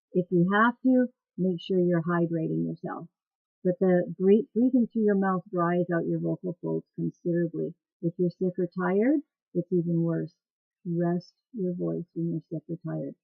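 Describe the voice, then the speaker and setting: A woman's voice: on the low side, fairly even intonation, a little slow, creaky, breathy edge, dry recording. A woman teaching dance cueing instructors how to care for their voices, in a plain, practical teaching tone. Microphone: webcam. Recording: tinny phone-like webcam recording.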